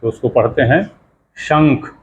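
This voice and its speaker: Man slowly teaching mantra pronunciation. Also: mid-range voice. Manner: slow, deliberate spelling-out of sounds, repeating words. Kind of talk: explanatory teaching talk. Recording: slightly dull lo-fi sound with faint background noise.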